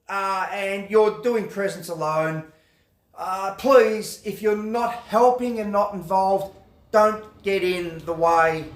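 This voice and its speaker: A man's voice: high-pitched, roomy sound. A man, a security instructor, explaining self-defence steps in a casual, conversational way, full of fillers and acted example phrases. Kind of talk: explanatory talk to camera.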